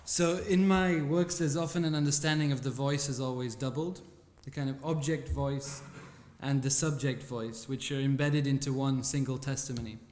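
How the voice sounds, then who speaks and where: A man giving a lecture, reading formal scripted text in a measured way. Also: medium pitch, fairly even intonation, a little mellow, in a large hall. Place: lecture hall.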